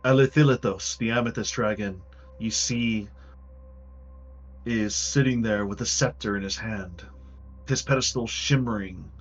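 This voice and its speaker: A man narrating a fantasy tabletop game as game master, measured and portentous, with dramatic pauses. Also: lowish voice, muffled recording.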